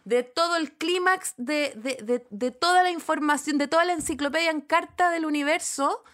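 A woman's voice: high-pitched, moderate pace, a bit bright. A Chilean woman, a comedy writer co-hosting a podcast, chatting casually with sardonic, rambling restarts. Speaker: podcast co-host. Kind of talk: casual chat.

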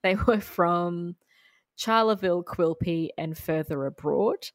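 A woman with an Australian accent co-hosts a podcast, telling a story in a chatty, giggly way. Her voice sits fairly low. The recording is dry and close, with no room sound. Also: slow, no room sound. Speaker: podcast co-host. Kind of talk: casual chat.

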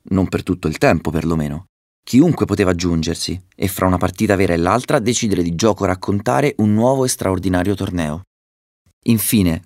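Deep-voiced man narrating a children's story. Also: no echo, clean studio sound. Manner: lively, raises pitch for excited dialogue.

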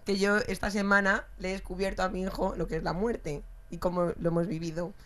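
A woman's voice: fairly low pitch, level tone, fairly quick, fairly bright tone. Woman telling a funny family story. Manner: storytelling, laughs through her own story. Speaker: guest. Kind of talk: casual chat.

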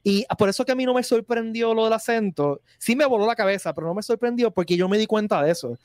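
A man's voice: high voice, quick pace, a little mellow, no room sound. A man co-hosting a casual chat, talkative and steering the discussion, speaking from home on a video call. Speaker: podcast co-host.

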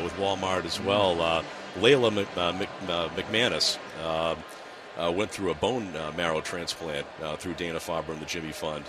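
A man from the Boston area speaking as a corporate guest in a live broadcast interview, conversational and a little halting, repeating words. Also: sits low. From Boston area, United States. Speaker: corporate public affairs director, guest in the booth. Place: broadcast booth at a ballpark. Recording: broadcast booth with clear outdoor noise.

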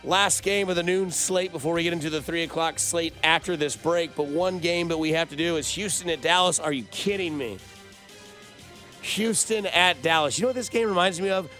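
A man hosting a fantasy football advice show on sports radio, animated and opinionated as he chats with listeners. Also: fairly high pitch, a little fast, hardly any pauses, faint music behind. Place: radio studio.

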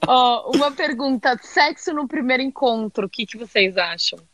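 A woman's voice: sits high, animated, normal speed, fairly bright tone, no room sound. A Brazilian woman co-hosting a casual podcast, hesitant and self-deprecating as she talks. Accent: Brazilian Portuguese.

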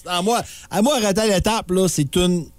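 A man's voice: high-pitched, brisk, no room sound. A man with a Quebec French accent co-hosting morning radio, joking and ranting animatedly. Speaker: radio co-host. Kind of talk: casual radio banter.

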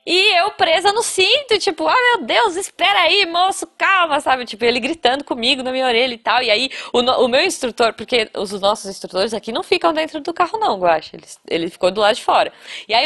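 A woman from Brazil, a podcast co-host in casual chat, telling a story and acting out the people in it. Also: on the high side. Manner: animated storyteller, acts out shouted quotes.

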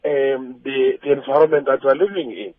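Halting man on muffled phone. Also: medium pitch, fairly even intonation, no echo. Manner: halting, searching for words. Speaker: radio phone-in caller. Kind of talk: casual opinion. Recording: muffled narrow phone line.

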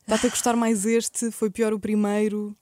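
A woman's voice: mid-range voice, little pitch movement, moderate pace, mellow. A woman with a European Portuguese accent interviewing a guest in a friendly way, prompting with questions. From south bank of Lisbon, Portugal. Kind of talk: casual interview chat.

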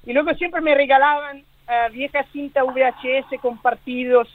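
A man's voice: very high voice, steady tone, normal speed, dry recording. A man from Italy with an Italian accent, a guest author speaking in a casual radio interview, thoughtful and hedging with many restarts. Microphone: phone line. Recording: tinny phone line.

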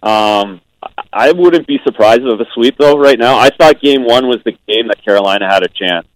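Over the phone on a radio program, a man who used to play goaltender breaks down hockey at a medium pitch. He speaks in a measured way but often says "um" and restarts his sentences. The recording is dry.

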